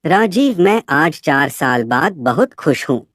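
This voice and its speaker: A troubled, affectionate middle-aged mother, voiced by a woman narrator in a spoken story. She speaks softly and intimately in a low voice at a slow pace. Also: sing-song, no room sound, clean studio sound, heavily acted.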